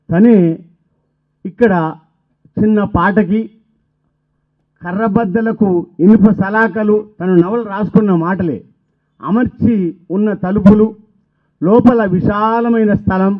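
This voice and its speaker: Male speaker at a book launch, high voice, halting phrase-by-phrase speech, tinny phone-like sound. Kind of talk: reminiscing speech. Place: stage at a book launch event.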